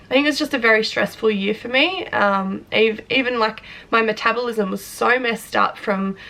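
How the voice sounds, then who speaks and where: A young woman talks straight to her camera, her voice hoarse and worn from a flu. Her tone is bright. She rambles candidly and emotionally through her own story. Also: on the high side, normal speed. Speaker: vlogger and personal trainer. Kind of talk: personal story vlog. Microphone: front camera close up.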